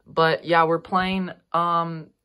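A young woman chatting in an upbeat, rambling vlog, her voice sitting a little lower than most. She keeps drifting with ums and restarts and laughs easily as she talks to the camera. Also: little pitch movement, slow pace, pushed and bright, clear, resonant tone. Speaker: vlogger. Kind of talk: casual vlog chat.

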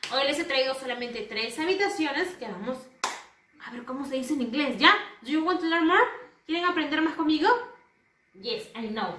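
A woman teaching English to young children in an online lesson, speaking slowly and having the class repeat each word after her. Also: high-pitched, pushed and bright. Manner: slow, repeating words for children to say back. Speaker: primary school English teacher. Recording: roomy, slightly distant, faint noise.

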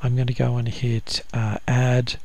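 Gravelly man walking through software steps. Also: mid-range voice, completely flat delivery, unhurried. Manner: methodical, step-by-step, frequent ums and uhs. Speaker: software instructor. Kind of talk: screen-recorded software tutorial.

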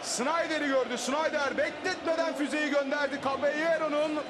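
Screaming football commentator, very high-pitched man. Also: crowd noise. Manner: screaming, excited goal calls with drawn-out words. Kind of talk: live football play-by-play commentary. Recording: loud noise over the commentary.

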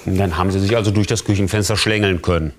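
A man's voice: low voice, fairly even intonation, very fast. A man in his forties speaking as a prosecutor, making a formal, reproachful courtroom argument. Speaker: public prosecutor on a court show. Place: indoor TV studio courtroom.

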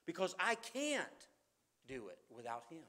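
A man preaching a sermon in a church, fervent, swinging from loud emphasis to quiet asides. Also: fairly high pitch, huge pitch swings, measured pace.

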